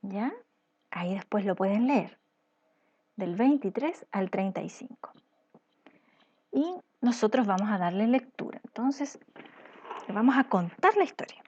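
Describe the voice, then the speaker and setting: A woman's voice: mid-range voice, expressive, unhurried, long pauses, a little mellow, husky, muffled recording. A woman teacher telling a parable to children in a patient, questioning storytelling style.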